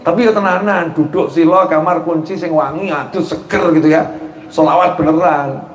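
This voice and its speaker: Javanese-accented male preacher, lively and joking, high-pitched, echoey hall with faint ambience. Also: normal speed. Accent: Javanese Indonesian. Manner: animated, joking with the audience, asks rhetorical questions. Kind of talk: sermon.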